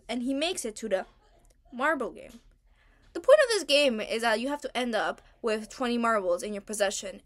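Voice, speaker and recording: A woman's voice: mid-range voice, fairly bright tone. A young adult woman giving a casual, chatty voice-over about her drawings and characters, in informal, slangy wording. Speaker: artist narrating own original characters.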